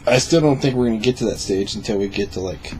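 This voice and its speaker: A man's voice: fairly low pitch, fast talker, a little mellow, slight background noise, rough recording. A drunk man chatting casually as he reviews a film, swearing freely. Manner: profane.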